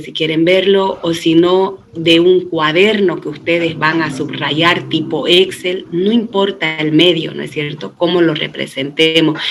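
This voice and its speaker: His voice is on the high side and a bit bright, captured in a rough recording with some hiss or hum. The middle-aged man is a database teacher delivering a recorded lecture step by step with patience. He repeatedly checks in with students via tag questions, fills pauses with "este," and restarts words often.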